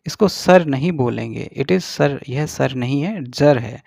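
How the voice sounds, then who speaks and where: A man teaching English in a slow, explanatory lesson, drawing out each English word and checking in with the listener after every point. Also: mid-range voice, animated, gravelly, warm tone, no echo, clean studio sound. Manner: slow, drawn-out English words, repeats with "ठीक है".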